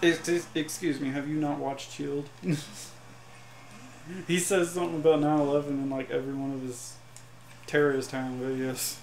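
A man's voice: on the high side, flat delivery, normal speed, creaky, pauses often, darkish tone, roomy sound, slight background noise. A man teasing his friend and laughing in casual chat over a racing game. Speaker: co-player.

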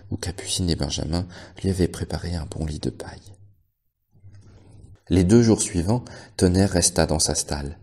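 A man with a very low voice reads a story aloud as a librarian would. His narration is steady and measured, taking the text at an even pace. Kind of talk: audiobook narration.

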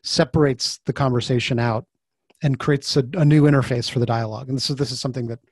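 A man's voice: medium pitch, fast talker, no echo. A man talking as a podcast guest over a video call, chatting casually and animatedly, acting out the voices in his stories. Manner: animated, acts out quoted voices mid-story. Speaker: podcast guest, author and design facilitator. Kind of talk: casual conversational interview.

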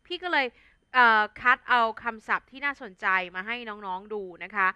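A woman's voice: a little high, lively intonation, moderate pace, sharp tone, smooth, dry recording. A young adult woman with a Thai accent teaching an English vocabulary lesson in a chatty, casual way, full of fillers and tag words. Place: studio.

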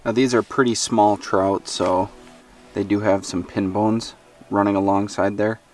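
A man's voice: fairly low pitch, little pitch movement, unhurried, darkish tone. A young man talking casually while cleaning and cooking fish outdoors, thinking aloud with plenty of fillers and self-deprecating asides. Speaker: fishing vlogger. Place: outdoors by a forest lake. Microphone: camera mic, handheld and ground-mounted. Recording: outdoor camera audio from a distance.

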